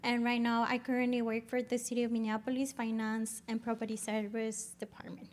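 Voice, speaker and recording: A woman's voice: fairly high pitch, flat delivery, fairly quick, darkish tone. A woman from Ecuador introducing herself on a panel, cheerful and a bit hesitant.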